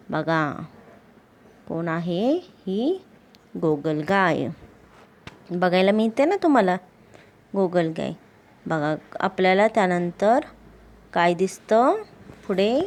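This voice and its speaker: A woman teacher with a Marathi accent speaks to her young pupils in a slow, unhurried voice with a middle pitch. She asks the class questions and then answers them herself. When she recites a poem, her voice takes on a sing-song lilt. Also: darkish tone. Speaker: primary school teacher.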